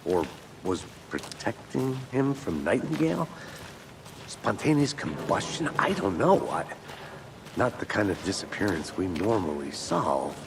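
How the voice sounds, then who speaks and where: Game role: middle-aged male cop, very low gravel, dry, weary, understated, ambient noise around him. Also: big pitch swings, unhurried, heavily acted. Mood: pensive, dry. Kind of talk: video game voice acting.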